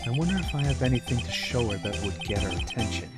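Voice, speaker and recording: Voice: medium pitch, lively intonation, fast talker, natural voice. A player voicing a nervous, stammering young male defense lawyer. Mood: awkward. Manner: stammering, flustered. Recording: clear game music behind.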